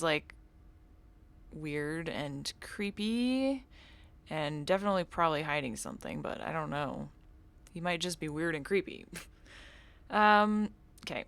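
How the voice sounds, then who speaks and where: A woman casually commenting on a game she is playing, thinking out loud and laughing easily. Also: lowish voice, creaky. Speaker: video game streamer. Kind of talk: casual let's-play commentary.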